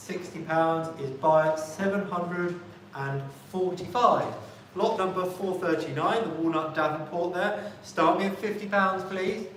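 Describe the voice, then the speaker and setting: A man's voice: sits high, measured pace, hardly any pauses. A man working as an auctioneer in a live sale, politely calling lots and repeating bids in a rhythmic chant. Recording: very echoey room, distant mic, faint noise.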